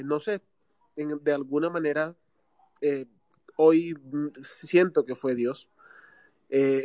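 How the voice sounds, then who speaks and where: Colombian caribbean guy in his 30s, bit high voice, dry sound, lots of "eh". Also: a little mellow, no room sound. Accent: Colombian Caribbean coast. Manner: hesitant, many fillers. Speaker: caller. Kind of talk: live audio space call-in.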